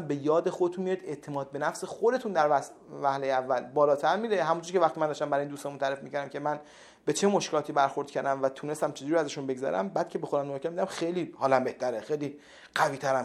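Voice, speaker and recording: A motivational speaker giving a monologue to viewers, emphatic, stacking repeated phrases for effect. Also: mid-range voice.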